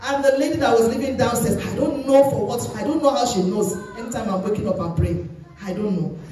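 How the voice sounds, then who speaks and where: A middle-aged woman pastor from Nigeria preaches in a church, telling her own story in an animated way and jumping up in pitch to drive a point home. Her voice carries from some distance away from the microphone. The recording is heavy with echo from the hall. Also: a little fast. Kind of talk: sermon. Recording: echoey church hall, voice from far off.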